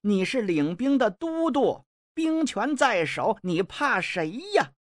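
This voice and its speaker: A man voicing a ruthless, scheming middle-aged noblewoman who gives orders and mocks her brother in a shrill, high voice. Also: sing-song, slow pace, no room sound, clean studio sound, full character voice. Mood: scornful, commanding. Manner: mocking, commanding, shrill.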